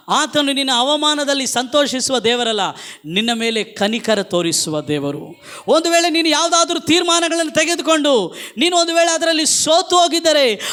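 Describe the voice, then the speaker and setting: High-pitched, fervent preacher. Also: male voice, bright, forceful tone. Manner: emphatic, calls the congregation to repeat after him. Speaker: pastor. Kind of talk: Pentecostal-style sermon. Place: church service.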